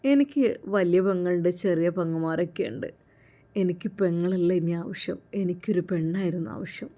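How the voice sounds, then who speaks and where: A woman voicing a heartbroken young man who speaks softly and gives in quietly. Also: lowish voice, moderate pace, close to an everyday voice.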